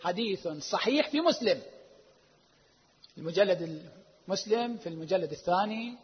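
A man giving a religious lecture, citing sources emphatically, stretching key words and asking rhetorical questions, his volume swinging between loud and hushed. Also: high voice, animated, normal speed, a little hiss or hum. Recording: dull lo-fi recording with long hall reverb.

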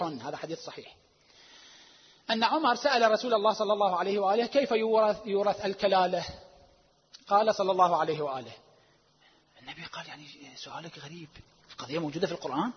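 A man giving a religious lecture, citing sources emphatically, stretching key words and asking rhetorical questions, his volume swinging between loud and hushed. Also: sits high, husky. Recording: dull lo-fi recording with long hall reverb.

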